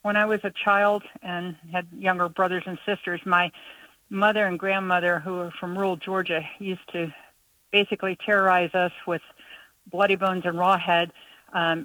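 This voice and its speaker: A woman's voice: on the low side, fairly bright tone, no echo. A woman calling in to a radio show over a phone-in line, telling a rambling childhood story in a chatty way. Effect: caller heard over a phone-in line. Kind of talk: casual phone-in chat. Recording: distant phone-in caller audio.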